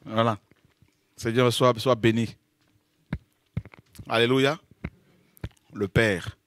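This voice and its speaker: A man preaching a lively sermon, exclaiming, making dramatic sound effects and laughing between points. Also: mid-range voice, slow pace, a little hiss or hum. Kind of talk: animated sermon.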